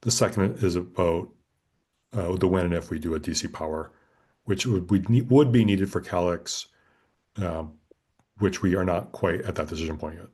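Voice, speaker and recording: A man leading a town committee meeting, calmly walking through schedules, audits and bids step by step. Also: low-pitched, moderate pace, husky.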